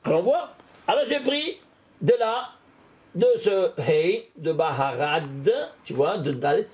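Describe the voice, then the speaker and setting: A man, a rabbi, giving an animated Torah lesson, often exclaiming and putting questions straight to the listener. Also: fairly high pitch, takes it slowly. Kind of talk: lively spoken Torah lesson.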